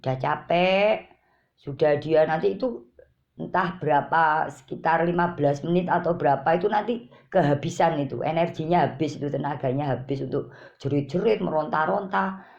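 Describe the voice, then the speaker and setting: A woman giving parenting advice in a calm, repetitive way, speaking directly to her viewers. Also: sits low, moderate pace, gravelly. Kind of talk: informal advice talk to parents. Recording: dull lo-fi recording.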